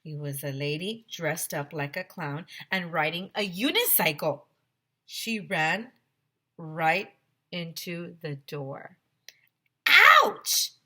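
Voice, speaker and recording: This teacher sits low in her range as she reads a children's book aloud to her class. Her storytelling is expressive and deliberate.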